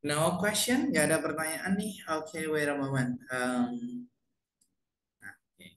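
A man's voice: fairly high pitch, lively intonation, takes it slowly, a bit bright, echoey room, a little hiss or hum, rough recording. A man teaching an online English lesson over a video call. He explains each pattern in English, translates it, and asks his students for questions. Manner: asks learners for questions in a friendly way.

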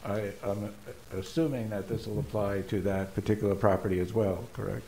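A man's voice: on the low side, steady tone, fairly quick, a little mellow, a little hiss or hum, low-quality recording. A man on a town board asking direct questions during a meeting. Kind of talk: meeting remarks.

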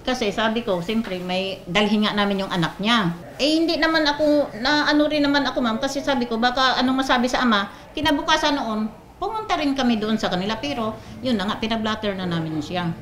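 A woman's voice: fairly high pitch, fairly quick, reverberant. An older woman, a grandmother bringing a complaint, tells what happened by acting out quoted lines and often adds "ma'am". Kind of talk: emotional testimony.

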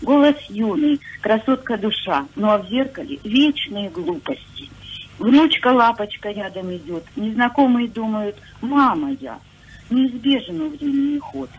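60s woman calling in on the phone, kinda high voice, stumbles a bit then recites with real feeling, light background hiss. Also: unhurried, phone-quality sound. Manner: hesitant, then declaims with lively emphasis. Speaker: caller. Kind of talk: radio call-in, reciting a poem.

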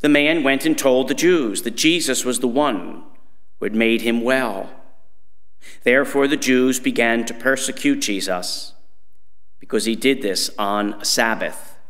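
Priest in a church with cathedral echo. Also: male voice, mid-range voice, unhurried, fairly bright tone. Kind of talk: reading scripture and preaching at Mass. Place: church sanctuary, standing at lectern. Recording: echoing church with long reverb.

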